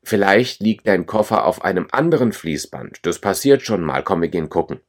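A man's voice: deep voice, animated, moderate pace. A man voicing a friendly, helpful young airport clerk in a storybook, read plainly. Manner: read plainly in the narrator's own voice.

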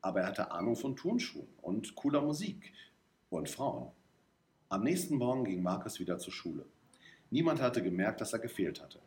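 A man reading a story aloud as narrator, in a lively, expressive way. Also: lowish voice, normal speed. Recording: roomy echo.

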